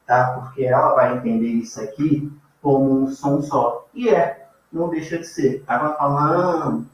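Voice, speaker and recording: A man's voice: medium pitch, measured pace. A Brazilian man teaching a grammar class in a casual way, often checking in with his students. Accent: Brazilian Portuguese. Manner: casual, checks in with frequent "tá?" and "beleza?". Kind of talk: informal classroom lecture. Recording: echoey room, distant mic, dull sound.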